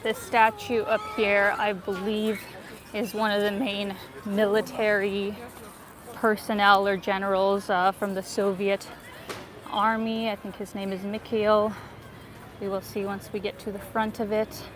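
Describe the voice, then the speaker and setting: Walking through a city square and park with her phone, a North American woman hosts a laid-back travel livestream, talking to viewers with fillers and quiet laughs. Her voice is medium-pitched and level, her delivery unhurried. Noise fills the background.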